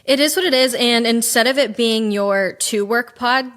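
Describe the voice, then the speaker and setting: A woman's voice: a little high, normal speed. Chill, chatty young woman co-host. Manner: chill, slightly monotone, chatty. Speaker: podcast co-host. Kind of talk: casual chat.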